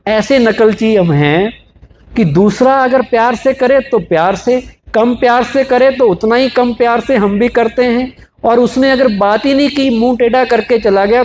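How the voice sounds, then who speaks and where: A man's voice: sits high, a little mellow, a little hiss or hum. A man giving a spiritual, motivational talk to a live audience, asking them rhetorical questions and explaining with everyday examples. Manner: asks the audience rhetorical questions, calls for raised hands. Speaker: spiritual speaker.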